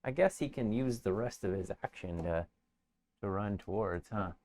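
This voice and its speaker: A man playing a tabletop game, talking through his moves in a halting, thinking-aloud way. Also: on the low side, darkish tone. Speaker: player. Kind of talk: casual tabletop game play.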